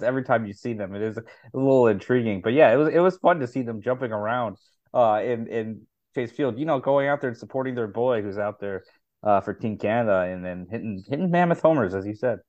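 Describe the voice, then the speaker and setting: A man's voice: mid-range voice, fast, darkish tone, dry recording, lo-fi sound. A man co-hosting a sports podcast, hedging and agreeable, with many fillers. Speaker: podcast co-host. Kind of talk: casual sports podcast chat.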